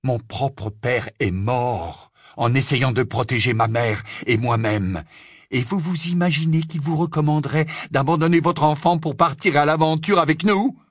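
A man voicing an angry, defiant teenage boy wizard in an audiobook, with a sharp and accusing delivery. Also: medium pitch, normal speed, slightly rough, no room sound, studio quality. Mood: furious. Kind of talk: audiobook character voice.

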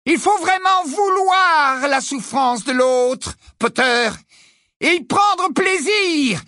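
A reader voicing a cruel, gloating witch who taunts and shouts in an audiobook. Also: high voice, lively intonation, slow, no echo, clean studio sound, pitched above the performer's own voice, heavily acted. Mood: menacing taunts. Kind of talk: audiobook character voice.

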